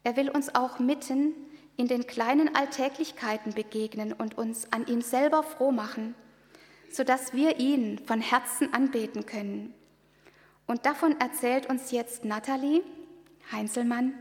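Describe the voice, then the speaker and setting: A woman presenting in a church service, addressing the congregation in a calm, earnest, explaining way. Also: a little high, a little slow. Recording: long reverb of a hall.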